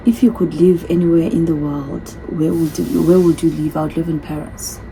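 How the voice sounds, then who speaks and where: The audio is poor and slightly noisy as a woman in her thirties, originally from another continent, reads out and chattily answers a get-to-know-me list on her phone, often repeating herself. Her voice is deep and warm.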